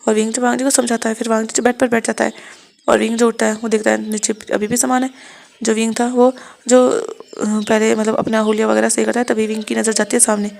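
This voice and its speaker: Fast-talking woman storyteller. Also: fairly high pitch, level tone, vocal fry, darkish tone. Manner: rapid, with frequent restarts. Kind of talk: fan fiction story narration.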